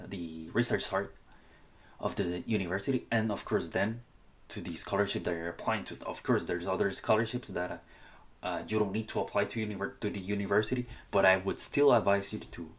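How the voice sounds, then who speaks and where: Deep-voiced Honduran man, halting advice talk. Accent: Spanish-speaking Honduran. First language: Spanish. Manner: hesitant, many restarts and self-corrections. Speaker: channel host. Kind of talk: casual podcast-style advice talk.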